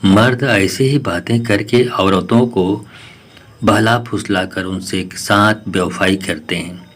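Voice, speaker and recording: A man voicing a sharp-tongued female myna bird in a storybook tale, scolding and curt. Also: fairly low pitch, slow, heavily acted. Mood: scornful.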